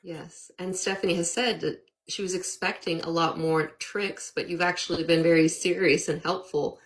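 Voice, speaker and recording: A woman's voice: lowish voice, fairly even intonation, moderate pace, rough recording. Lisping woman hosting a live interview. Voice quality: lisp from new braces. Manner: chatty, welcoming, stretches words. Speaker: host.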